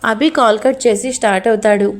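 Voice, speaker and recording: A woman's voice: on the high side, steady tone, a little fast. A woman narrating a love story aloud, recounting it plainly and steadily.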